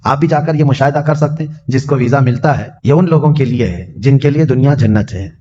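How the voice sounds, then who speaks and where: A man preaching a Ramadan night sermon, telling stories and chanting scripture verses in a slow, drawn-out way. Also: medium pitch, dark tone, lo-fi sound. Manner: storytelling, chants Quranic verses slowly.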